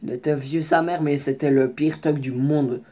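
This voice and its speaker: A man's voice: on the high side, steady tone, moderate pace, dark tone. A young man casually telling a story in slangy, rambling speech with many restarts and asides. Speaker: vlogger.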